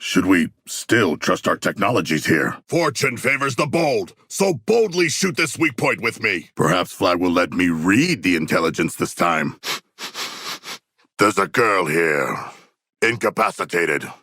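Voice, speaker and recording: Battle-hungry shark creature, raspy, widely swinging pitch, stilted learned phrasing, earnest, game character. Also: male voice, very animated, a little slow, pushed and bright, dry recording, studio quality, full character voice. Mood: urgent, eager. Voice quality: gravelly, rough. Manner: formal, stilted, articulate diction with literal-minded earnestness. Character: hulking humanoid shark brute, earnest, erudite and battle-hungry. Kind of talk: video game character voice lines.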